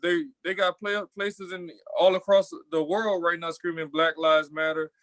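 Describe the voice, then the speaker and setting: A man's voice: high-pitched, steady tone, moderate pace, fairly bright tone, no echo, low-quality recording. A young man, a former college athlete, talking thoughtfully in a panel discussion, often restarting his sentences.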